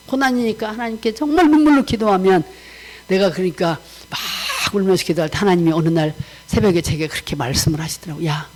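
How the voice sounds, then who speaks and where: A woman missionary shares her testimony in a warm, conversational storytelling manner. Her voice sits at a middle pitch but swoops up and down with lively intonation as she acts out remembered conversations. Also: low-quality recording. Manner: animated storytelling, acting out remembered dialogue; warm, conversational, mixing casual and polite speech. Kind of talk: personal testimony talk to a congregation.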